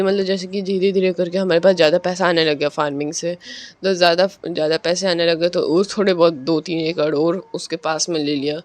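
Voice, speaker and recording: A man teaching a chapter in a casual way. He reads out the headings slowly, then explains them with homely examples and corrects himself as he goes. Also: high voice. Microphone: own microphone, adjusted while talking.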